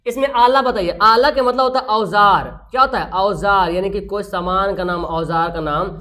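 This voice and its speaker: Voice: mid-range voice, normal speed, sharp tone. An online tutor, teaching a live grammar class. Asks questions and answers them, repeats key terms, and reads out viewers' names with praise.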